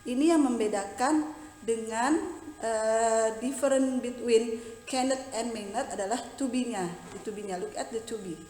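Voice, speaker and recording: Indonesian-accented woman, English teacher, slow and patient, slightly high voice, echoey room with a faint hum. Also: dark tone. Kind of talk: bilingual classroom lesson.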